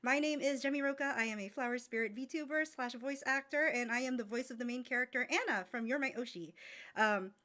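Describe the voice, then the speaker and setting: A woman hosting a casual livestream in a cute, bubbly anime-streamer manner with excited exclamations. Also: sits high, fairly quick. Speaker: streamer host and voice actor.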